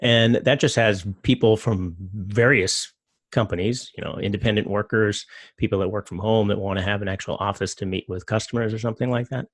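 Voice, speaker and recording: A middle-aged man talks through his slides in a loose, rambling way, with plenty of fillers. His voice sits low and carries a gravelly edge. The recording is dry and close, with no room sound. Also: fairly even intonation, brisk, dry recording. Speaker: presenter. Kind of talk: casual talk with slides.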